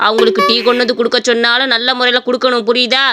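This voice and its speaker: A woman's voice: fairly high pitch, level tone, rapid-fire, bright, forceful tone, slight background noise. A woman doing a bossy lecturing man. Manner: scolding, lecturing. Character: bossy middle-aged man promising a job. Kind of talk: cartoon voice acting.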